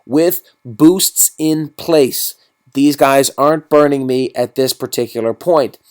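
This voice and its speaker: A man's voice: medium pitch, slow pace, darkish tone, smooth. Loose, swearing man talking through a game. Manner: loose, profane, rambling. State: tipsy after drinking. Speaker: mobile game channel host. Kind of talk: casual gameplay commentary.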